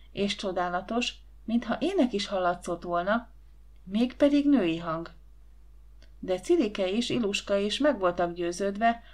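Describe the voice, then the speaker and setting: A woman reading a storybook aloud as an audiobook narrator. Her telling is gentle and even, in a mid-pitched voice.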